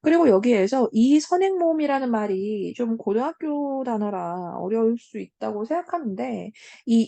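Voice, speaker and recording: Woman teacher walking students through grammar, lively sing-song voice, keeps checking they follow, warm tone. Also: on the high side, no echo. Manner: fills pauses with "자" and "음", asks the class check questions. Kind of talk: online lecture to high school students.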